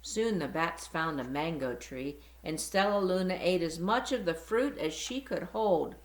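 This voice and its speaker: A woman reading a picture book aloud to children, with a slow, expressive storytelling manner. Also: on the low side. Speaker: school board director reading to children. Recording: roomy echo.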